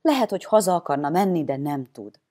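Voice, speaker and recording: A woman's voice: lowish voice, lively intonation, dark tone. A woman voicing a resourceful young boy who leads his friends and gives them orders in a storybook tale. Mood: thoughtful. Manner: bossy, commanding when giving orders.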